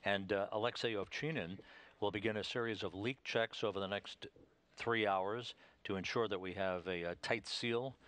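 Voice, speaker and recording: Low-voiced American mission control commentator. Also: male voice, a bit bright. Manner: measured, formal, methodical. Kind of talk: live technical commentary.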